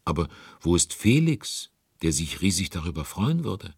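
An actor playing a genial storyteller narrating a children's audio drama, conversational and wondering aloud in a husky voice. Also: male voice, big pitch swings, moderate pace, darkish tone, no room sound, clean studio sound, exaggerated voice. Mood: curious. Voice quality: deep, husky. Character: genial male storyteller commenting on events.

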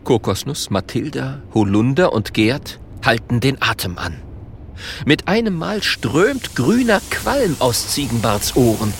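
A man narrating a children's audiobook in a slow, expressive storytelling manner. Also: mid-range voice, vocal fry, slight background noise.

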